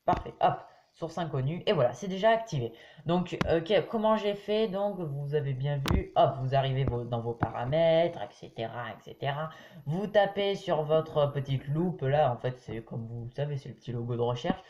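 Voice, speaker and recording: A man hosting a casual tutorial over a screen recording, chatty and hesitant, often pausing with fillers and talking straight to his viewers as friends. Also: fairly high pitch, lively intonation, highs cut off, noisy background. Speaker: YouTube tutorial host.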